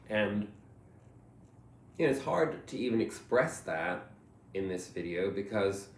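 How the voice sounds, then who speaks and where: A man giving a reflective tarot reading, musing and meandering, often trailing off softly. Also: deep voice, a little hiss or hum. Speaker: tarot reader. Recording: roomy echo, faint ambience.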